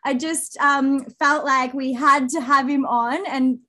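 A woman's voice: high voice, steady tone, takes it slowly, sharp tone, no echo, clean studio sound, faint music behind. A woman co-hosting a podcast, chatting in a bubbly, gushing way full of fillers. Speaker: podcast co-host. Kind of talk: casual chat.

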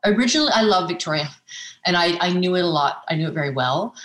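A woman's voice: on the low side, animated, fast talker. Earnest woman in a roomy echo. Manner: warm, earnest, restarts and rhetorical "right?". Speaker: naturopathic physician guest. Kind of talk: interview answers.

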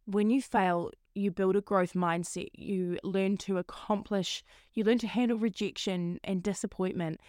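A woman hosting a solo motivational podcast, talking in an earnest, encouraging way with a slightly croaky voice. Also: lowish voice, a little mellow, no echo, clean studio sound. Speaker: podcast host.

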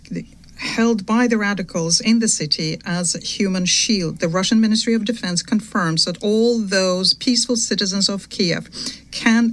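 A live interpreter voicing a formal diplomatic statement on the spot, halting and correcting words as they go. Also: mid-range voice. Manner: halting, uneven pace with restarts and self-corrections. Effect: live simultaneous interpreter voice.

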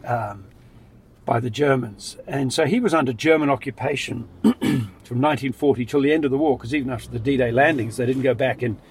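A middle-aged man answers questions from the passenger seat in a measured, thoughtful way, and his voice sits in a middle pitch. His phrases often fade to a quiet close. A faint hum of the moving car runs underneath. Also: poor audio. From Sri Lanka, raised in New Zealand. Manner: reflective, measured, trailing off quietly. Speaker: interview guest. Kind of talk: casual interview in a car. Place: inside a car. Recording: faint road noise.

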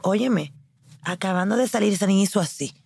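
Gravelly woman telling a story. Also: medium pitch, brisk, no room sound, clean studio sound. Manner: lively, acts out what others said. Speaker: guest. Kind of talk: casual storytelling.

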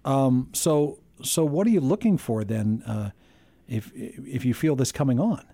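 A man's voice: mid-range voice, lively intonation, unhurried, vocal fry, dark tone, no room sound. A middle-aged man hosting a podcast interview, friendly and chatty with many restarts. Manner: friendly, stumbling restarts, chuckles. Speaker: podcast host. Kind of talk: casual interview.

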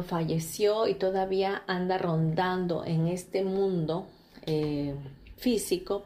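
A woman's voice: on the low side, darkish tone. A woman giving an informal religious teaching, speaking directly to the listener with frequent fillers and restarts. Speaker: spiritual teacher.

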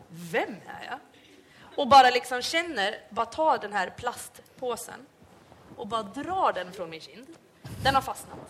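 A young woman from Sweden with a Hälsingland accent, hosting a live podcast and telling a comic story full of fillers. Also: on the high side. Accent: Hälsingland Swedish. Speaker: podcast host. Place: live event stage.

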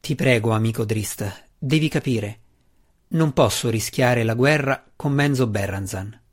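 A man voicing an uneasy, cautious male gnome king who speaks in a slow, measured, placating way. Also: mid-range voice, lightly acted. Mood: pleading.

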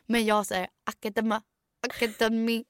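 A woman's voice: on the high side, clear, resonant tone, no room sound. Young woman podcaster, chatty, acts out bits of her stories, switches to english a lot, dry mic. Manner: mixes Swedish with English phrases; animated storyteller, acts out quotes. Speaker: podcast co-host. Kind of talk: casual chat.

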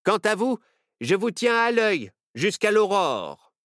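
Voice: mid-range voice, sing-song, slow, a bit bright, no echo, clean studio sound, voice pushed up. A storyteller voicing a distrustful cowboy sheriff who barks orders. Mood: commanding. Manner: blustering, commanding, distrustful. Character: suspicious, gruff cowboy sheriff.

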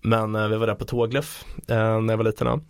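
A man co-hosting a podcast in casual chat, telling jokes and stories with animated voice impressions. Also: clear, resonant tone, no room sound, studio quality. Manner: animated storyteller, mimics voices with big pitch jumps; fillers and restarts, joking. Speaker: podcast co-host.

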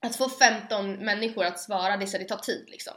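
A young woman in casual chat, expressive, with quick asides and acted-out quotes. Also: mid-range voice. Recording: echoey room.

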